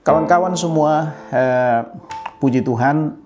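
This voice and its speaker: Older man telling a story. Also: takes it slowly. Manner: animated retelling with pitch jumps and chuckles. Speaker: speaker addressing an audience. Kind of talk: storytelling talk.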